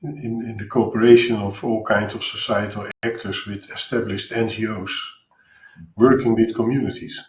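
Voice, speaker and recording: A man's voice: fairly low pitch, little pitch movement, normal speed, reverberant, slight background noise, rough recording. A man with a Dutch accent moderating an online panel, introducing speakers with many hesitations. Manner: hesitant, filler-heavy introductions. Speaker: webinar moderator.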